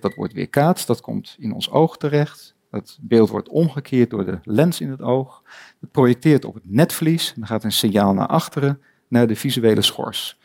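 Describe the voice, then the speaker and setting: Man, 40s, lecturer, explanatory, storytelling, gravelly, mid-pitched. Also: a little mellow. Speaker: psychiatry lecturer. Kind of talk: recorded lecture.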